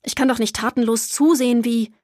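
A woman's voice: a little high, steady tone, fairly quick, a little mellow, no room sound, lightly acted. Flustered storybook father, defensive, read by a woman; dry booth sound.

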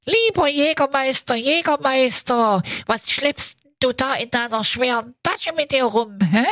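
A squeaky eager boy piglet. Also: unhurried, bright, forceful tone, no echo, studio quality, exaggerated voice. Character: squeaky little boy piglet, friendly and naive.

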